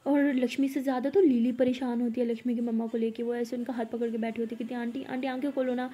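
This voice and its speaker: A young woman narrating a story in a loose, chatty way, full of fillers and asides. Her voice is high and mellow, with a soft, unhurried delivery. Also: little pitch movement, breathy edge, highs cut off. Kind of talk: casual spoken storytelling.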